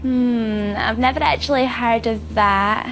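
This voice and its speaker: A woman's voice: a little high, a little slow, fairly bright tone, faint music behind. Young woman thinking aloud. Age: 20s. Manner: reasons aloud, thoughtful with fillers. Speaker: quiz contestant. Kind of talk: game show answers and chat.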